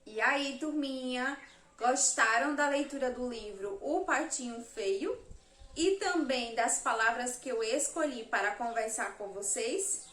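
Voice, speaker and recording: Woman teacher, high bright voice, slow patient counting, echoey room. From Brazil. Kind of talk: remote class lesson.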